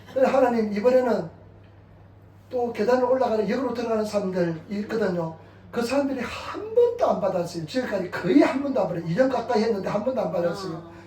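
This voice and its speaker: High-voiced pastor preaching in an echoey church. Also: male voice, a little hiss or hum. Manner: animated storytelling, chuckling at his own anecdotes. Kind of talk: sermon with personal testimony. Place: church sanctuary. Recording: echoey church hall, mic at a distance.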